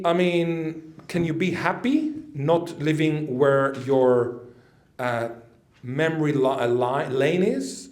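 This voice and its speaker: Raised in Israel, this man gives a lecture at a conference in an echoey hall, staying chatty and cracking jokes with asides to listeners. His voice is a little high and darkish.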